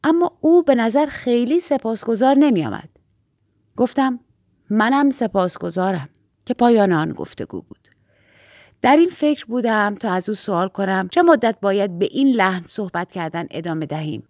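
Woman, audiobook narrator, middle pitch, measured and steady, dry close mic. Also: no room sound. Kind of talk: scripted first-person narration.

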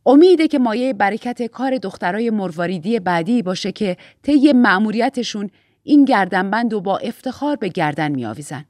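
A woman's voice: medium pitch, a little mellow, dry recording, studio quality, lightly acted. A woman voicing a devout, strict aunt who makes a reverent, formal pledge.

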